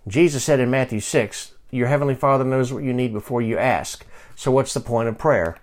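A man in his fifties preaching a sermon, reading scripture slowly and moving from quiet asides to loud calls to pray. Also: medium pitch. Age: 50s. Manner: reads scripture slowly and deliberately. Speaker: pastor.

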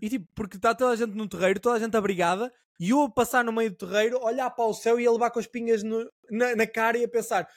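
A man's voice: extremely high pitch, steady tone, quick pace, few pauses, no room sound, clean studio sound. A young man with a European Portuguese accent, telling stories in a casual podcast chat, slangy and swearing freely. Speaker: podcast co-host.

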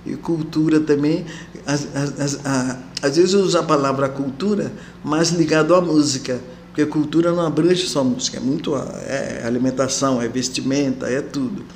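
A woman's voice: low-pitched, normal speed, slight background noise. A woman being interviewed as an activist, recalling the past in casual talk and acting out the voices of the people she quotes. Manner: lively storyteller who acts out quoted voices. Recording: echoey room.

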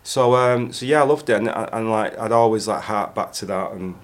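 A man from Bolton, England, with a Northern English accent, tells stories as a guest on a podcast. His voice is fairly low and moderately paced, and the chat is casual and animated, full of swearing and laughter.

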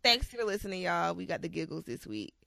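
Lively, creaky-voiced woman chatting on a podcast. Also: fairly low pitch, a little fast, background noise. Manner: slangy, giggly, animated. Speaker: podcast co-host. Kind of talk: casual chat. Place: at a desk.

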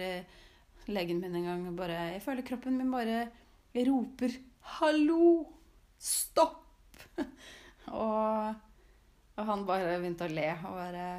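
A woman's voice: fairly low pitch, a little mellow. A woman host talking casually to her listeners, reflective and often searching for words with fillers and restarts. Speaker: host speaking about sensitivity. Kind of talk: casual spoken talk to listeners.

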